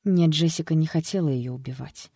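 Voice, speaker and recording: Measured audiobook narrator, dry sound. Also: mid-range voice, breathy edge, no echo. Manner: even, measured reading.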